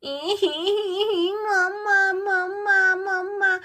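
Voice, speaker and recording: Lady putting on a whiny little toddler girl, high, slow sobbing baby talk. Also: a bit bright, heavily acted. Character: crying toddler girl wanting her mother.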